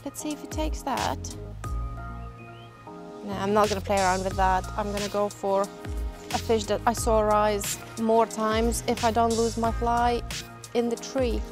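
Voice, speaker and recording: A woman's voice: mid-range voice, unhurried. A woman, chatting self-mockingly while fly fishing on a riverbank. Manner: chatty, self-mocking, excitable when hooking fish. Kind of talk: casual chat while fishing. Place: outdoors on a riverbank. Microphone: camera mic, sometimes far. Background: music.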